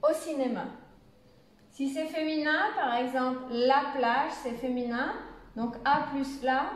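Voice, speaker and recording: A woman from France, a university French teacher, giving a beginner lesson and slowly enunciating example phrases. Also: sits high. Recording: very echoey room.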